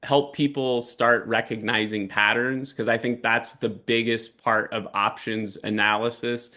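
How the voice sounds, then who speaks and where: Bright-voiced man from the Bay Area. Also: mid-range voice, measured pace. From San Francisco Bay Area, California. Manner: relaxed, peppers speech with "like". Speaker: interview guest, trader. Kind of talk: casual interview talk.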